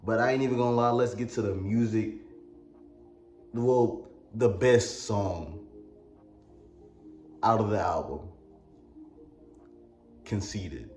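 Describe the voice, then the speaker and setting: A man with a Mississippi drawl rambles through a comedic album review, tossing in crude jokes. His voice sits fairly low and rings in a roomy, echoey space. Faint music plays behind him. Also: slow, pauses often, darkish tone. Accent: Mississippi Southern US. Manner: rambling, crude joking asides.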